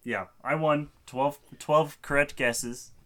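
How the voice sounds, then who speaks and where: Young man, twenties, podcast co-host; bright, forceful voice, rambling casual chat. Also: a little high, steady tone, takes it slowly. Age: 20s. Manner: rambling, restarts sentences, laughs often. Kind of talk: casual chat among friends.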